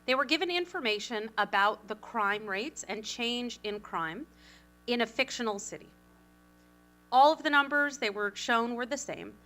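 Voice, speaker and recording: A woman giving a conference presentation as a communications consultant, talking quickly with lively, self-deprecating asides. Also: a little high, faint music behind. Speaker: communications consultant, panel speaker.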